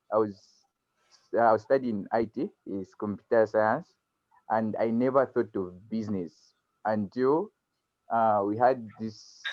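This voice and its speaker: A nineteen-year-old man from Zambia, speaking haltingly and earnestly as a student guest on a video call. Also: lowish voice, dry recording. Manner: halting, earnest, many restarts. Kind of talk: video call introduction and talk. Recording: dry, dull lo-fi call audio.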